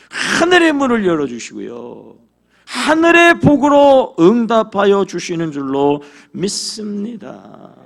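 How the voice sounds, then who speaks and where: Animated male pastor with a gravelly voice. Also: high-pitched. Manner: animated, acts out quoted prayers and dialogue; asks the congregation questions. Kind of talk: sermon. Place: church sanctuary.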